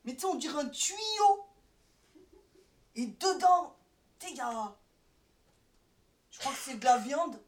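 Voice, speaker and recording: High-pitched woman comic, rambling stop-start delivery, heard from a distance in a roomy space. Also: sing-song, unhurried, long pauses. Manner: rambling, stammering and restarting, breaking into laughs. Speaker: comic performer. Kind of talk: improvised comedy monologue and one-sided phone sketch. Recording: roomy and off-mic.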